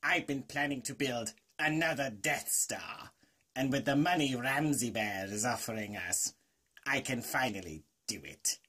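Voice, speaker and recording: A man's voice: medium pitch, measured pace, pushed and bright, slightly rough. A man voicing a grandiose, scheming space villain who speaks melodramatically. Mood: gloating. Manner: gloating, melodramatic.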